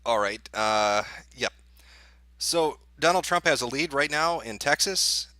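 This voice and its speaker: A livestream host plays an off-the-cuff election night analyst, reading out results and thinking aloud in casual live commentary. His mid-range voice is animated, pushed and bright, and a little slow, with no room sound.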